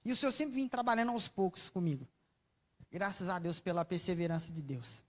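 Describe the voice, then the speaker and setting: Expressive Brazilian woman preaching. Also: lowish voice, a little fast. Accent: Brazilian Portuguese. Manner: expressive storytelling, swinging between soft asides and loud exclamations; chatty, asks the audience questions. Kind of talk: sermon.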